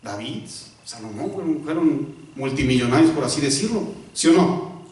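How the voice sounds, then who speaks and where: Heard from afar in a highly reverberant church hall, this male pastor has a slightly high, expressive voice with a darkish tone at normal speed. He throws rhetorical questions at the congregation, corrects himself mid-sermon, and repeats words to stress them.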